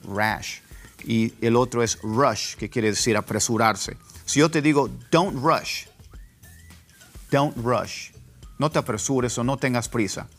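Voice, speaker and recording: A man whose first language is Spanish, teaching English pronunciation and repeating word pairs slowly to contrast them, with faint music underneath. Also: medium pitch. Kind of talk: casual pronunciation lesson.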